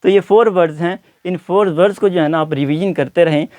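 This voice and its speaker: A man teaching English pronunciation, saying each example word slowly and repeating it several times. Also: sits high, a little mellow, no echo. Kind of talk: explaining pronunciation to learners.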